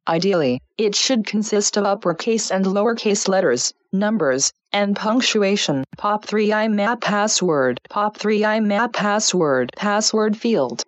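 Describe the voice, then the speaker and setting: A woman's voice as a flat screen reader. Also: mid-range voice, dry recording, natural voice. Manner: reads interface labels in clipped fragments. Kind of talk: synthetic screen reader speech.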